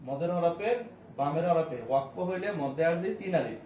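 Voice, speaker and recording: A man teaching Quran reading, spelling out each word letter by letter and slowly chanting the verses. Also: on the high side. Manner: slow, repetitive drilling with melodic recited verses. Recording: roomy, dull distant sound with faint hiss.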